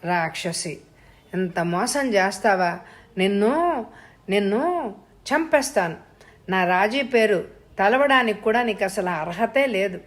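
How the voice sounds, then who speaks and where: A man's voice: sits high, animated, measured pace, pauses often, a bit bright. Ramesh, a frantic young man, voiced by a woman. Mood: furious. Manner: frantic, pleading, then raging. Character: agitated young man, confused and then furious.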